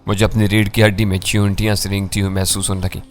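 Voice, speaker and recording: Man narrating a crime story, lowish voice, soft music underneath. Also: level tone. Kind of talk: scripted first-person thriller narration.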